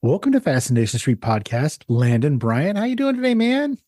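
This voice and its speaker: A middle-aged podcast host from San Antonio, Texas, speaks in a fairly high, warm, sing-song voice at normal speed over soft background music. In this casual interview and intro he's chatty and keeps interrupting himself, calling his guest "man" and "dude".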